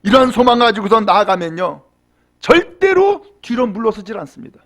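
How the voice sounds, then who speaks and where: A male pastor preaching a Sunday sermon in church, moving between hushed storytelling and raised, fervent exhortation, with rhetorical questions to the congregation. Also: high-pitched, big pitch swings, normal speed. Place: church during Sunday service.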